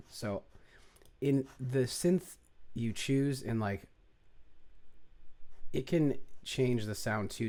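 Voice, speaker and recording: A man with a fairly low voice talks through a music production tutorial in an offhand, unpolished way. He rambles, restarts sentences and mutters to himself while hunting for settings on screen. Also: darkish tone. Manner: rambling, self-correcting, mutters to himself while clicking around. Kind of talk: casual screen-share tutorial.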